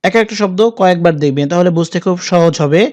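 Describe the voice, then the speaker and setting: A religious teacher giving a pronunciation lesson, speaking to viewers directly, spelling out sounds and drawing out each example word slowly. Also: mid-range voice, darkish tone. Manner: drawn-out, slow model pronunciations between brisk explanation.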